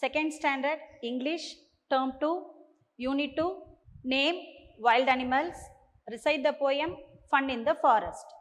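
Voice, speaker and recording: A woman teacher with a Tamil accent giving a bilingual lesson to young children, slow and coaxing, repeating each line in two languages. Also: sits high, in a large hall.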